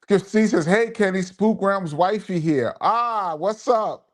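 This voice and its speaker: Talking slowly in a high voice, a man DJs a live stream, casually reading out what viewers write and looking back on past times. He gives shout-outs and repeats phrases for emphasis.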